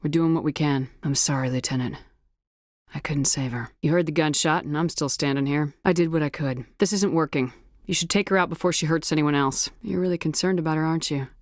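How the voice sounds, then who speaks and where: Female military commander for a game, played by an actress: low register, clipped, no-nonsense authority, very dry recording. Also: fairly quick, dry recording, natural voice. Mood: serious, controlled. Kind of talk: video game dialogue acting.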